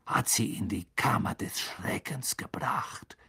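A reader voicing a cold, sarcastic male teacher who speaks slowly in a low, hissing tone. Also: vocal fry, pushed and bright, slightly rough, in a whisper, full character voice. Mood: sneering.

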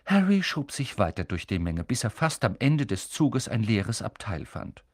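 A man reading a children's fantasy novel aloud as a lively, dramatic audiobook narrator. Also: lowish voice, moderate pace, dry recording, clean studio sound. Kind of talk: scripted narration.

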